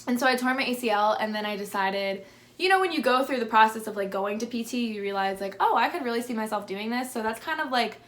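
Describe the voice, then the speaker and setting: Her voice sits on the high side, fairly bright and quick as she chats through a casual Q&A with viewers. She's a fitness vlogger in her twenties with a lisp, and "like" fills her talk.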